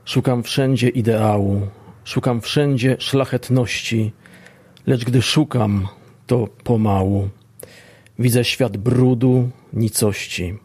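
A young man, a student, reciting a poem in a slow, even way. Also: medium pitch, breathy edge. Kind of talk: poetry recitation.

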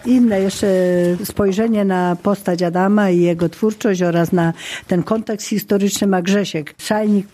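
A woman who teaches Polish literature, speaking in a measured way with frequent hesitation sounds in a documentary interview. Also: mid-range voice, fairly even intonation, dark tone, slight background noise.

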